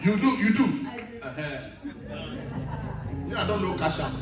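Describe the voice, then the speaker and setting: A man's voice: sits high, expressive, recorded from a distance. A man ministering as a prophet before a congregation, commanding and questioning a woman about her family. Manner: commanding, quizzes a congregant in halting English. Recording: echoey hall, music and crowd.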